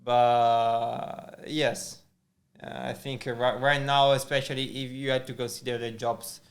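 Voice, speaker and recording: A man's voice: mid-range voice, flat delivery, measured pace. An Italian man with an Italian accent, a podcast guest talking hesitantly with many fillers and restarts. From Italy. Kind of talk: casual interview chat.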